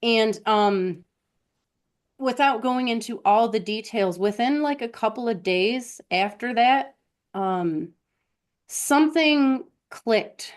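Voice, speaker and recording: Talking straight to her audience on a live stream, this host tells personal stories in a relaxed, conversational manner. Her voice is a little high and she speaks slowly.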